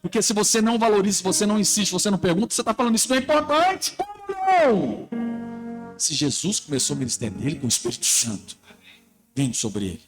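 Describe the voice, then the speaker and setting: A man with a high, bright voice preaches at a church conference, lively and storytelling, acting out his own conversations as he goes. Music plays clearly behind him the whole time. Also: rapid-fire. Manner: animated preaching, telling stories and quoting himself. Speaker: pastor. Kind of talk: sermon.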